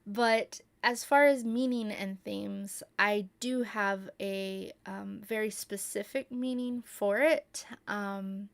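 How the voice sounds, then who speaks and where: Soft-spoken woman chatting to camera. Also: medium pitch, clean tone. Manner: soft-spoken, rambling with many fillers. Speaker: YouTube creator. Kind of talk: casual talk to camera.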